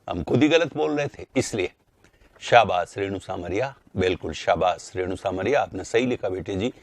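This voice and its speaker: A man teaching Hindi grammar in a live online class, calling students by name, repeating words and getting loud when he corrects them. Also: mid-range voice, no room sound. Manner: animated, rising sharply when correcting.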